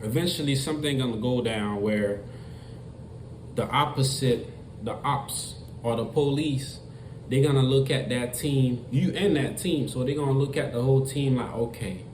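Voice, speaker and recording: At normal speed and with a medium pitch and darkish tone, a Florida man delivers a casual commentary monologue directly to his audience. The vlogger is repetitive and emphatic, and the room sounds echoey with faint background noise.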